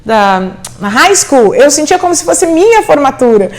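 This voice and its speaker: This middle-aged immigrant mother, the host, has a high-pitched and very animated voice at a normal speed. Warm and encouraging, she reassures parents about homeschooling while slipping English words into her Portuguese.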